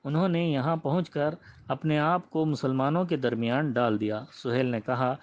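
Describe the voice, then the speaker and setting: A man reading a religious biography aloud in a measured, reverent way and ending with a prayer. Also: mid-range voice. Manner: measured and reverent, with frequent honorifics. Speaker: religious history reader. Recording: slightly muffled, dull audio.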